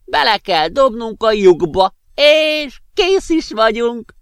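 A man doing a high croaky tipsy old professor. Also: big pitch swings, no echo, studio quality, exaggerated voice. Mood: tipsy, jolly. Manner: slow, drawn-out, giggly.

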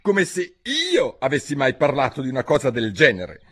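A man voicing a tiny, easily offended male mouse with a shrill, squeaky, trembling voice in a storybook reading. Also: big pitch swings, moderate pace, slightly rough. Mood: outraged. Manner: trembling, indignant outbursts.

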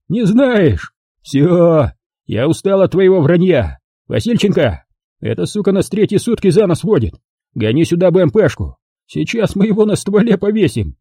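A man voicing a brutal, loud army brigade commander who talks harshly and threateningly in an audiobook. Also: fairly high pitch, husky, no room sound, clean studio sound, pitched above the performer's own voice. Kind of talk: audiobook character voice.

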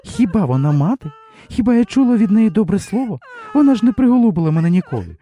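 A man's voice: a little high, sing-song, fast talker, dark tone, a little hiss or hum, voice pushed up. A man voicing a tearful, bitter young woman. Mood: distraught. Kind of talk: literary audiobook reading.

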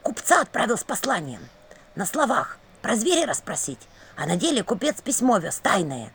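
A secretive old house spirit, voiced by a woman reader, murmuring his warnings in a low, confiding hush. His telling still rises and falls with feeling, a storybook creature leaning in to share what he knows. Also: very animated, normal speed, slightly rough, heavily acted.

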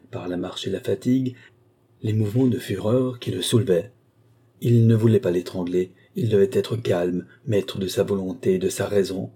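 Low husky male audiobook narrator. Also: warm tone. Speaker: audiobook reader. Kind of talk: scripted narration.

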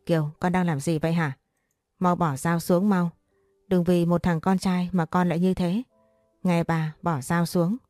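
A woman's voice: fairly low pitch, little pitch movement, unhurried, a little mellow, dry recording, clean studio sound, faint music behind, lightly acted. A woman doing a stern, scolding father. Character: stern middle-aged father, angry.

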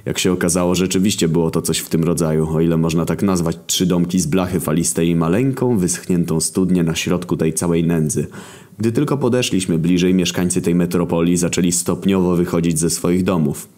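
A man narrates a story in a deadpan, crude voice. His tone is very deep and low. He reads from a script at an even, unhurried pace.

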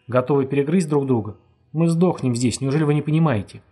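A man voicing a frightened young man who pleads tearfully, with a husky voice. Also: on the high side, fast, warm tone. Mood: hysterical.

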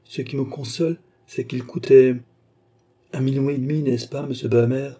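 Marie-Antoinette, a mocking queen, read by a husky man. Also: mid-range voice, fairly even intonation, normal speed, dark tone, pitched above the performer's own voice. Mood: teasing. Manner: teasing, laughing, grand. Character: haughty, mocking adult woman queen.

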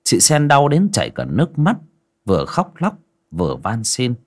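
A male storyteller with a husky voice whose pitch rises and falls dramatically. He tells the tale vividly and expressively, dipping low for the grim moments. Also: huge pitch swings, normal speed. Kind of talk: audio folk story narration.

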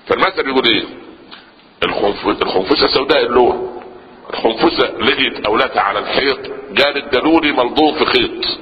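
Fast-talking Egyptian preacher in a hall. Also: male voice, medium pitch, muffled recording, a little hiss or hum. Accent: Egyptian Arabic. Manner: animated, asks the audience questions and answers them himself. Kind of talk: Islamic sermon lesson.

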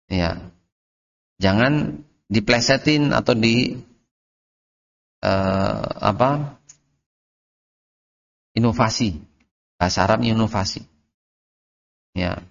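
A man teaching Arabic grammar in class. He reads the Arabic text slowly, then explains it and quizzes his students. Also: medium pitch. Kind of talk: classroom lesson. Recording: dull lo-fi audio recording.

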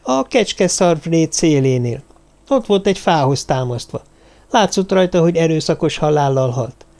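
A small, timid woman from a traveling circus speaks earnestly and deferentially, with a raised, lively voice, as a male narrator puts her on. She politely answers an interrogation in an audiobook. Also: a little high, voice pushed up. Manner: earnest and deferential, says "uram" often.

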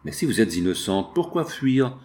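A man reading the part of a kindly village priest, speaking in a calm, measured way. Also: mid-range voice. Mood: grave.

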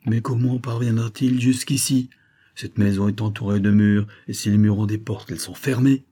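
A man voicing an earnest, bold young gentleman in an audiobook. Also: lowish voice, fairly even intonation, moderate pace, husky. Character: proud, eager young gentleman protector.

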